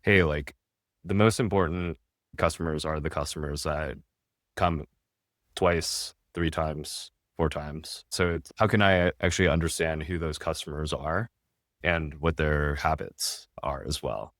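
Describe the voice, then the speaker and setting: A restaurant tech founder appears as a podcast guest, chatting casually in a deep bass voice that's fairly bright, unhurried and fairly even. He explains things steadily with small restarts, often ending points with a questioning "right?" The sound is clean studio audio with no room tone.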